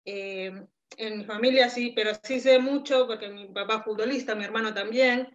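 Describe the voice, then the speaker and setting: A young woman from Peru speaks with a Peruvian Spanish accent, pausing and restarting often as she answers questions. Her voice sits a bit high, and the audio is dull and lo-fi, like a remote call. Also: fairly even intonation. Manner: hesitant, many fillers and restarts. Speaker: interview guest. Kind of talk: casual interview chat. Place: at home.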